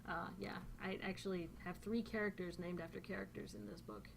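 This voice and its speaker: Her gravelly, mid-range voice is steady and brisk as she goes through a dialect questionnaire with background noise behind her. The vlogger speaks English as her first language and has a central Northern Californian accent, rambling casually with many fillers.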